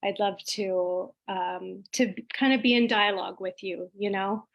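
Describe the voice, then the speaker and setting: A woman from Iqaluit, on Baffin Island in Nunavut, Canada, gives an informal talk as a guest speaker at an online event. She speaks slowly and haltingly, often pausing mid-sentence, in a mid-range, gravelly voice on a muffled recording.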